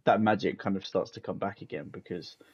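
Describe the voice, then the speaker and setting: Low-voiced man, muffled audio. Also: a little fast, a little mellow, husky. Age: adult, a parent. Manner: rambling, self-correcting, laughs mid-sentence. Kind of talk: casual banter. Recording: dull, muffled lo-fi sound.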